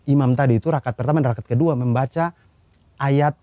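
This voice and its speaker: A man's voice: mid-range voice, fast, warm tone, a little hiss or hum. An Indonesian man in casual podcast chat, telling a firsthand story earnestly and acting out a scream he heard.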